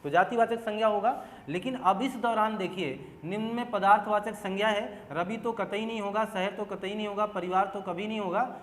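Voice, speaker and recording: A man's voice: high voice, fairly even intonation, fairly quick, few pauses, a little hiss or hum. A man teaching an exam-prep grammar lesson, explaining step by step, repeating key points and putting questions to his students. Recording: echoey room with long reverb.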